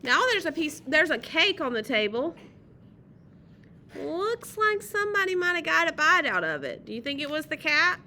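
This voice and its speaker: Brief: woman storytime reader, bright and high, slow and expressive, faint noise behind. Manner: gentle, expressive, drawn out. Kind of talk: reading a picture book aloud to children.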